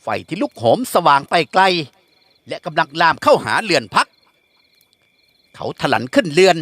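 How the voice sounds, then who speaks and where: Man, audiobook narrator, expressive novel reading, dry close sound, slightly high pitch. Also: moderate pace, dry recording.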